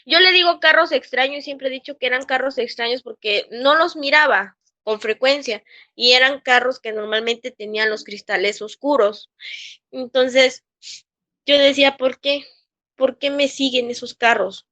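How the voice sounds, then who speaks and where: A Mexican woman with a high, sharp voice describes a painful workplace experience in an interview. Her accent is Mexican Spanish; she performs the voices of people she quotes and keeps halting to restart sentences, giving emotional personal testimony.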